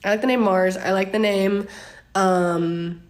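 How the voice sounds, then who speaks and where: Steady in tone and a touch slow, her mid-range voice carries a casual Q&A with fans. This twenty-something creator talks into her phone candidly and chattily, often laughing and filling pauses with um.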